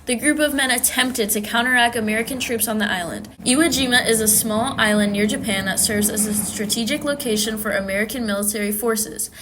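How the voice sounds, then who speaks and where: A woman playing a grave, formal 1940s wartime radio newsreader in a measured war-broadcast manner. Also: fairly high pitch, noisy background, close to an everyday voice.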